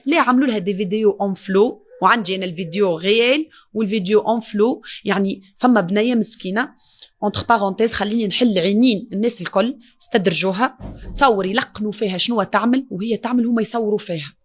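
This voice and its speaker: This is the victim's mother, a Tunisian-accented woman whose medium-pitched words come rapid-fire in an emotional interview. Grief-stricken and distraught, she pleads throughout.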